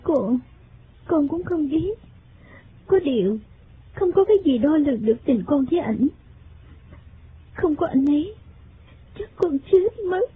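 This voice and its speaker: A man reading an audiobook voices a frail, sickly young woman in a soft, tearful, pleading way. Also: very high voice, lively intonation, measured pace, long pauses, slight background noise, pitched above the performer's own voice. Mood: sorrowful pleading. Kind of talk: audiobook character voice. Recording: phone-like sound, faint music.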